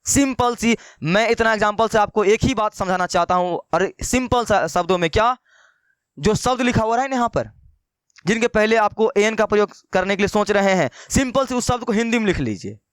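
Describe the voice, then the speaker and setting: Brief: male tutor, high and smooth voice, dry close sound, asks his own questions and repeats points. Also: expressive, dry recording. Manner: slows down to dictate notes. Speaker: English teacher. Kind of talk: online grammar lesson.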